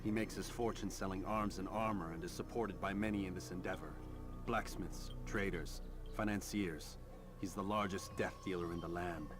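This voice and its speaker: Cool, self-assured killer for a video game, male actor, lowish register, clipped control, scored with music. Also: fairly even intonation, normal speed, lightly acted. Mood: cool, determined. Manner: terse, controlled. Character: cool, confident young male assassin reporting to a superior. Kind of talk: video game cutscene acting.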